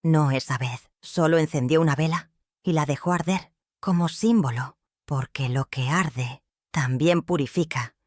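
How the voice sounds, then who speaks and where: A woman narrating a scripted family drama in a measured, dramatic way. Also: deep voice, darkish tone, dry recording, clean studio sound.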